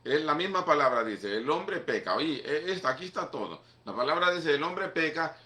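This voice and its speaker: A pastor delivers his sermon in a bright, forceful voice, talking plainly and emphatically to his listeners. The sound rings around an echoey church hall, giving every phrase a roomy tail. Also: a little high, animated, moderate pace. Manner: conversational, emphatic preaching with repeated "mira" and "¿ok?".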